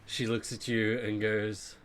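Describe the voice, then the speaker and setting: Slow, low-voiced man running a tabletop game. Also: little pitch movement, a bit bright, a little hiss or hum. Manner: loose, searching for words with um and like. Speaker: game master.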